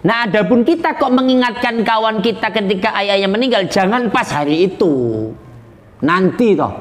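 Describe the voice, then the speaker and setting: High-voiced preacher, chatty. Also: male voice, lively intonation, normal speed. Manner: conversational with humorous asides and acted quotes. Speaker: Islamic preacher. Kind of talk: religious teaching.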